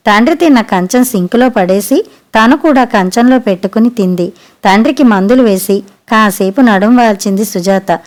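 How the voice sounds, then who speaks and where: A woman narrating a moral story in a warm, steady storytelling manner. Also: mid-range voice.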